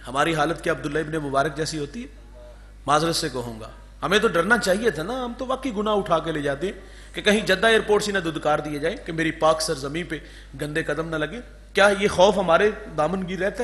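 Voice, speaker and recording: A man preaching an Urdu sermon, moving between loud fervor and hushed storytelling. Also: on the high side. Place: mosque gathering, over a sound system.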